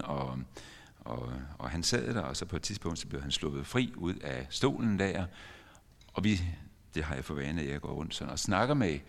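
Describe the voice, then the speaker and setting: A man's voice: very deep voice, creaky. An older man preaching a sermon as a pastor, telling a story earnestly with sudden emphatic rises in his voice. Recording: long church reverb.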